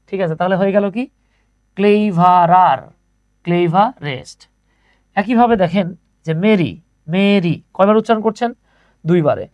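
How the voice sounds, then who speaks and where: A man's voice: high voice, expressive, moderate pace, darkish tone, dry recording. A man teaching English grammar in an online class, explaining step by step and putting questions to his students. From Bangladesh. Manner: explains step by step, asks the class questions and answers them himself; reads out students' comments and replies to them.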